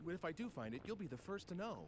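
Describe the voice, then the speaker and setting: An earnest young video game hero, kinda high voice, swings around a lot, faint noise. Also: male voice, very animated, quick pace.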